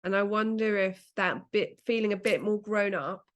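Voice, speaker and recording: A woman's voice: mid-range voice, steady tone, normal speed. A woman co-hosting a podcast in casual chat, talking in rambling, self-correcting runs. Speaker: podcast co-host.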